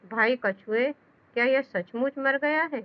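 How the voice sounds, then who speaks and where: A woman's voice: high voice, measured pace. A woman reading aloud the lines of a cunning, wary male jackal in a children's story. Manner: reads in a plain, explanatory voice. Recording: dull lo-fi sound.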